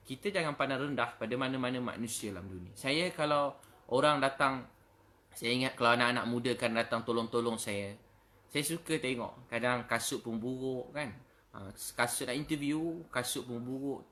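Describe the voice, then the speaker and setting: A man's voice: medium pitch, bright, forceful tone. A middle-aged man with a Malaysian Malay accent preaching emotionally, telling stories and acting out prayers and pleas. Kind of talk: emotional religious talk.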